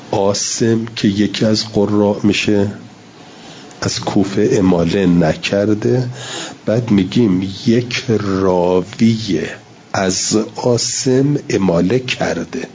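A man with a fairly low, slightly mellow voice teaches a class on Quran recitation, reading Arabic lines and explaining them in casual Persian. He sounds out examples and repeats himself. The recording is muffled with a little hiss or hum.

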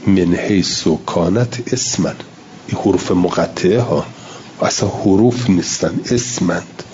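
A man's voice: low voice, a little mellow, lo-fi sound, a little hiss or hum. A man lecturing a class on Quran recitation, reading Arabic lines and explaining them in casual Persian, sounding out examples and repeating himself.

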